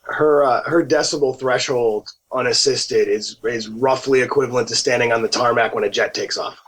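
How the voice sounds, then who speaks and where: A man speaks on a casual podcast as the guest's father. His voice sits at a middle pitch. He explains things in an easy way with a touch of humor. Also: fairly even intonation, moderate pace, a bit bright, poor audio. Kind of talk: casual chat.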